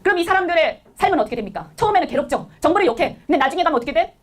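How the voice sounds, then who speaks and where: Fast, high-pitched indignant woman. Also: animated. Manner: emphatic, full of rhetorical questions; blunt, indignant. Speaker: political speaker. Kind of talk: political speech.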